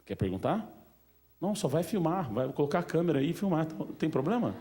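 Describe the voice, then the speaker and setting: A man's voice: a little high, big pitch swings, fairly quick, warm tone. A man with a Brazilian accent giving an informal talk to an audience at a museum event, chatty and full of questions to the room. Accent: Brazilian Portuguese. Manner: chatty, asks the audience questions, many fillers.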